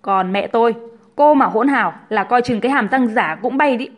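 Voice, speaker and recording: A cold, blunt young man, as a woman narrator plays him, curt and scornful in a spoken storybook. The voice stays high and bright, with no real drop into a male register. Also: moderate pace, lightly acted.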